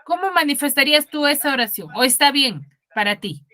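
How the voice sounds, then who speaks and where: A woman with a Huaraz Peruvian accent teaches secondary school from Peru, running an online class over a video call. Her high voice is animated, brisk and sharp. She keeps checking in with tag questions and calls on students by name.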